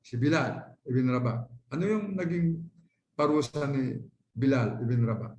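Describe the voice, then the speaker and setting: A man's voice: medium pitch, unhurried, a little mellow. A man from the Philippines giving a religious classroom lecture, teaching in a conversational way, often checking in with his listeners and mixing in English phrases. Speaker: Islamic lecturer. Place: lecture hall at a dawah center. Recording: echoey room recording.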